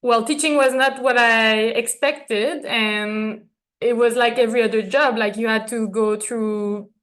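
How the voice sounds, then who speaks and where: A woman with a French accent speaks on stage after being honored. Her voice sits somewhat high. English is not her first language, so she fills pauses with "uh" and "like" and sometimes searches for the right word. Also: fairly even intonation. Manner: searches for English words, many fillers, soft laughs. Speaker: honoree giving a speech. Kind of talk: stage acceptance speech.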